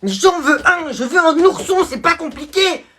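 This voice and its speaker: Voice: normal speed, a little hiss or hum. A whiny, spoiled rich teen, as a comedian puts him on. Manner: high, whining, insistent. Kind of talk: comedy sketch.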